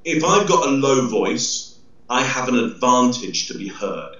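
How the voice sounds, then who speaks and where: A body language expert appears as a guest on a video call, talking in an animated, explanatory interview style from an indoor room with a large window. He is emphatic, gestures a lot, stands and moves around, and tags lines with "yeah?" at a medium pitch and unhurried pace. The distant webcam gives a roomy echo and a dull sound.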